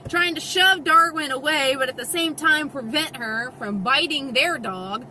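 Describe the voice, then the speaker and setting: Speaking out of the side of her mouth with part of her face numb, a woman vlogger delivers an exasperated, emphatic rant to camera and acts out the voices she quotes. Her voice sits high, moves a little slowly, and has a sharp tone, with slight background noise.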